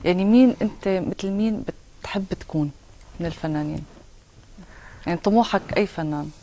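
A woman's voice: lowish voice, fast talker, dark tone, a little hiss or hum, poor audio. A young Syrian woman hosting a chatty television studio interview. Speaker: TV host. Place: TV studio, seated on sofa.

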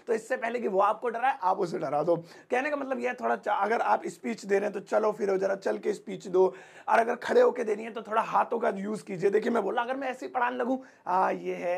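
A man with a Hindi accent teaching spoken English in a fast, joking way, often acting out sample lines. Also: high-pitched, vocal fry, breathy edge. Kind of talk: energetic spoken-English lesson.

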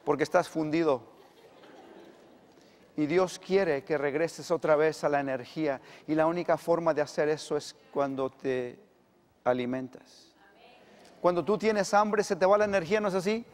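A middle-aged male pastor, preaching emphatically and swinging between loud and hushed delivery. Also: a little high, moderate pace, big-room sound. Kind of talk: sermon.

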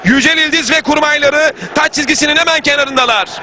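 High-pitched man commentating a football match. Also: fairly even intonation, fast. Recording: noisy stadium broadcast with crowd. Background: stadium crowd.

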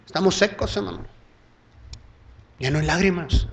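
A male pastor preaching a live church sermon, swinging between loud fervent peaks and hushed low pleading, constantly calling listeners "brother". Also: moderate pace, gravelly, slight background noise. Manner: addresses the congregation as "hermano" constantly.

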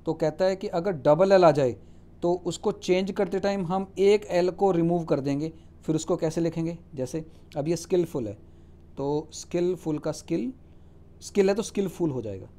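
A male teacher with a mellow, fairly high voice takes his class step by step through English spelling rules in a Hindi lecture. Words get spelled out letter by letter, followed by "ठीक है?" to check, and he reads the English rules slowly before explaining them in Hindi.

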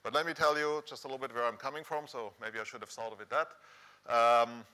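Speaking from a large, darkened conference hall stage indoors, this middle-aged professor from Switzerland presents in a chatty way, tossing rhetorical questions at the crowd. He has a Swiss accent and a mid-range voice, talking a little quickly with a sharp, clean tone.

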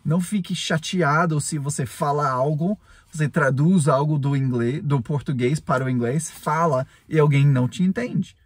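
Husky man, a native English speaker talking Portuguese. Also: on the high side, normal speed, few pauses, dry recording. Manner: earnest, repetitive, with frequent tag questions and chuckles. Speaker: English teacher, podcast host. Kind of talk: casual spoken lesson.

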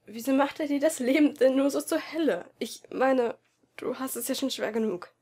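A woman voicing a caring teenage boy who is a worried best friend, in an amateur audiobook reading, speaking softly and falteringly. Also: high-pitched, moderate pace, pitched above the performer's own voice. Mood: concerned. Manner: soft, faltering, uncertain.

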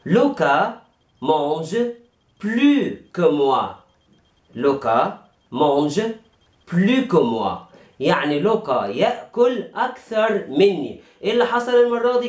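Egyptian guy teaching grammar, drags out the example phrases slow, voice jumps up and down a lot. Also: on the high side, roomy sound. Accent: Egyptian Arabic. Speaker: French teacher. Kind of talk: explaining grammar to students.

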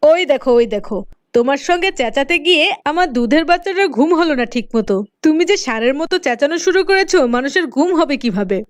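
A spiteful cartoon stepmother snaps and sneers in a high voice. The recording is dry and close, with no room sound. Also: animated, fairly quick, dry recording. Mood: scolding, spiteful. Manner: sharp, sneering scolding. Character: cruel scolding stepmother, middle-aged woman. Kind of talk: cartoon voice acting.

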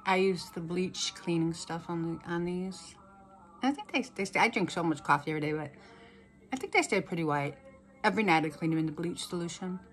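A woman vlogging casually at home while wearing new dentures, with a slight lisp and a chatty, rambling way of talking. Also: fairly low pitch. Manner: chatty, rambling, speaks slowly at times. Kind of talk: casual chat to camera.

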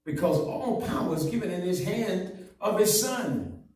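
A middle-aged man preaching a fervent sermon with call-and-response, his voice swelling into loud surges. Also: high-pitched, sing-song, unhurried. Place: small church room, indoors. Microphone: headset mic. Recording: echoey room, heard from a distance.

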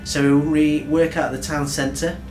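A man's voice: fairly high pitch, level tone, a little slow, darkish tone, roomy sound, slight background noise. A man who coordinates street pastors, explaining his work in a friendly way. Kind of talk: documentary interview. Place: storeroom, indoors.

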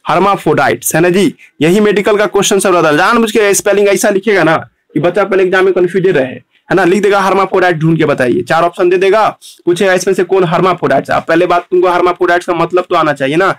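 A man teaches an online biology lesson in a rather high voice. He drills each term over and over. He tags nearly every line with a quick "है ना" and stops now and then to tidy his board. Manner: repetitive, tags lines with "है ना"; pauses to fix board writing. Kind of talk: online class lecture.

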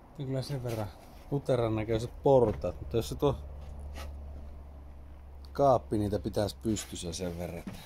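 Urban explorer, male, low voice, murmured walkthrough commentary, noisy action-cam recording. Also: long pauses, mellow. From Finland. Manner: low-key, terse remarks while exploring. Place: abandoned farmhouse and woods.

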